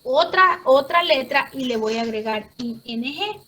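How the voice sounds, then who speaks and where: A woman's voice: sits high, lively intonation, unhurried, pushed and bright, a little hiss or hum, rough recording. A woman teaching English grammar to a class, explaining patiently step by step.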